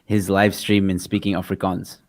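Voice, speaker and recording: A man's voice: low voice, little pitch movement, normal speed. A man with a South African accent, a streamer, bantering casually with friends.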